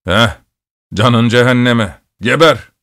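A man voicing a rough, hungry soldier who growls, scolds and curses. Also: low-pitched, expressive, moderate pace, dry recording, studio quality. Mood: gruff, cursing.

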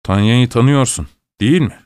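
A man doing a gruff, hot-tempered baker. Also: mid-range voice, moderate pace, a little mellow, no room sound, clean studio sound, natural voice. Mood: challenging. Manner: gruff, snapping. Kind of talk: audiobook dialogue reading.

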